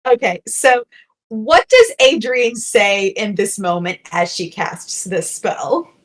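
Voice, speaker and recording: A woman's voice: mid-range voice, expressive, takes it slowly. A woman running a tabletop game as game master, easygoing and chatty.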